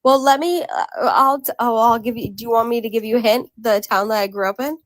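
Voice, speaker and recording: A woman's voice: on the high side, brisk, dry recording, rough recording. A woman from Massachusetts talking bluntly in a casual video-call chat, swearing freely. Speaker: guest.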